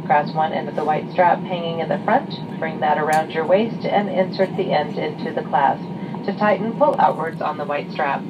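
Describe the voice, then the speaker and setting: A woman's voice: low voice, normal speed. A flight attendant, a woman, reading a formal safety announcement over the airplane cabin PA. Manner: scripted, formal. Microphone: camera in passenger seat. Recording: distant lo-fi cabin recording, loud engine noise. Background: loud aircraft engine hum.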